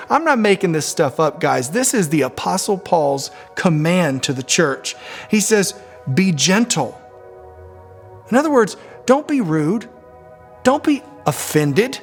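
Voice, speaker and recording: A man preaching a sermon as pastor, animated, calling on the congregation to respond and laughing between points. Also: sits high.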